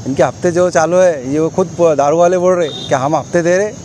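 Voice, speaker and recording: A man's voice: fairly high pitch, brisk, a little mellow, slight background noise. A man, a social activist on hunger strike, giving a plain, complaining statement outdoors near a road. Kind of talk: on-the-spot statement.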